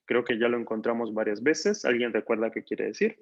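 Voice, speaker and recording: A man teaching a language class online, patiently repeating words slowly and filling gaps with soft "ujú" sounds. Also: mid-range voice, highs cut off. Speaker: Swedish teacher.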